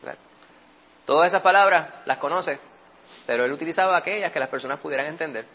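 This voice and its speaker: A Puerto Rican man with a bright, fairly high voice leads a Bible study, talking it through like a chat and often asking listeners to agree. The recording sounds dull and lo-fi. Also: fast talker. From Puerto Rico. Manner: keeps asking listeners for assent. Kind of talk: conversational Bible teaching.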